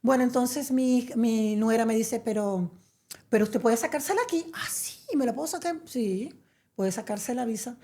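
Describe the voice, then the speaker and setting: Gravelly, mellow-voiced middle-aged woman. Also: a little high, moderate pace. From Venezuela. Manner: chatty, warm storytelling with many fillers. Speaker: interview guest. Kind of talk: conversational interview.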